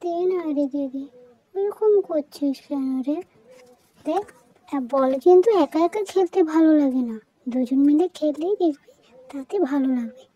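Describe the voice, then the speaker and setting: A woman voicing a small girl doll who begs her older sister, in a childlike, squeaky, wheedling voice. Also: moderate pace, warm tone, natural voice, rough recording. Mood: pleading. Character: Tiya, little girl doll, pleading and whiny.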